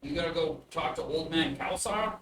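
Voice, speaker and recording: A roomy, slightly distant recording of a man acting out a small bugbear child hawking goods in a tabletop game. The voice sits high for a male but keeps some depth, with cheeky, slangy, wheedling street patter. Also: normal speed, a bit bright, lightly acted. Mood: scheming. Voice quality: little yet somewhat deep voice. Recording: roomy, distant mic with faint noise.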